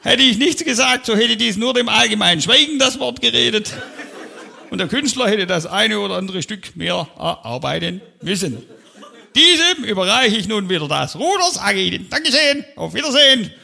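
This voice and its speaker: A comedian on stage parodies a pompous official speech, playing a self-important speaker who goes on and on. His high, very animated voice has vocal fry and a sharp tone, heavily acted at a moderate pace, while the audience laughs.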